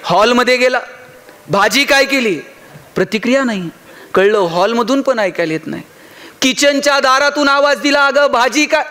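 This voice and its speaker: Delivering a motivational speech, this man tells stories, acts out dialogue, and throws rhetorical questions at the audience. His voice is extremely high, bright, and forceful, with lively intonation and a moderate pace.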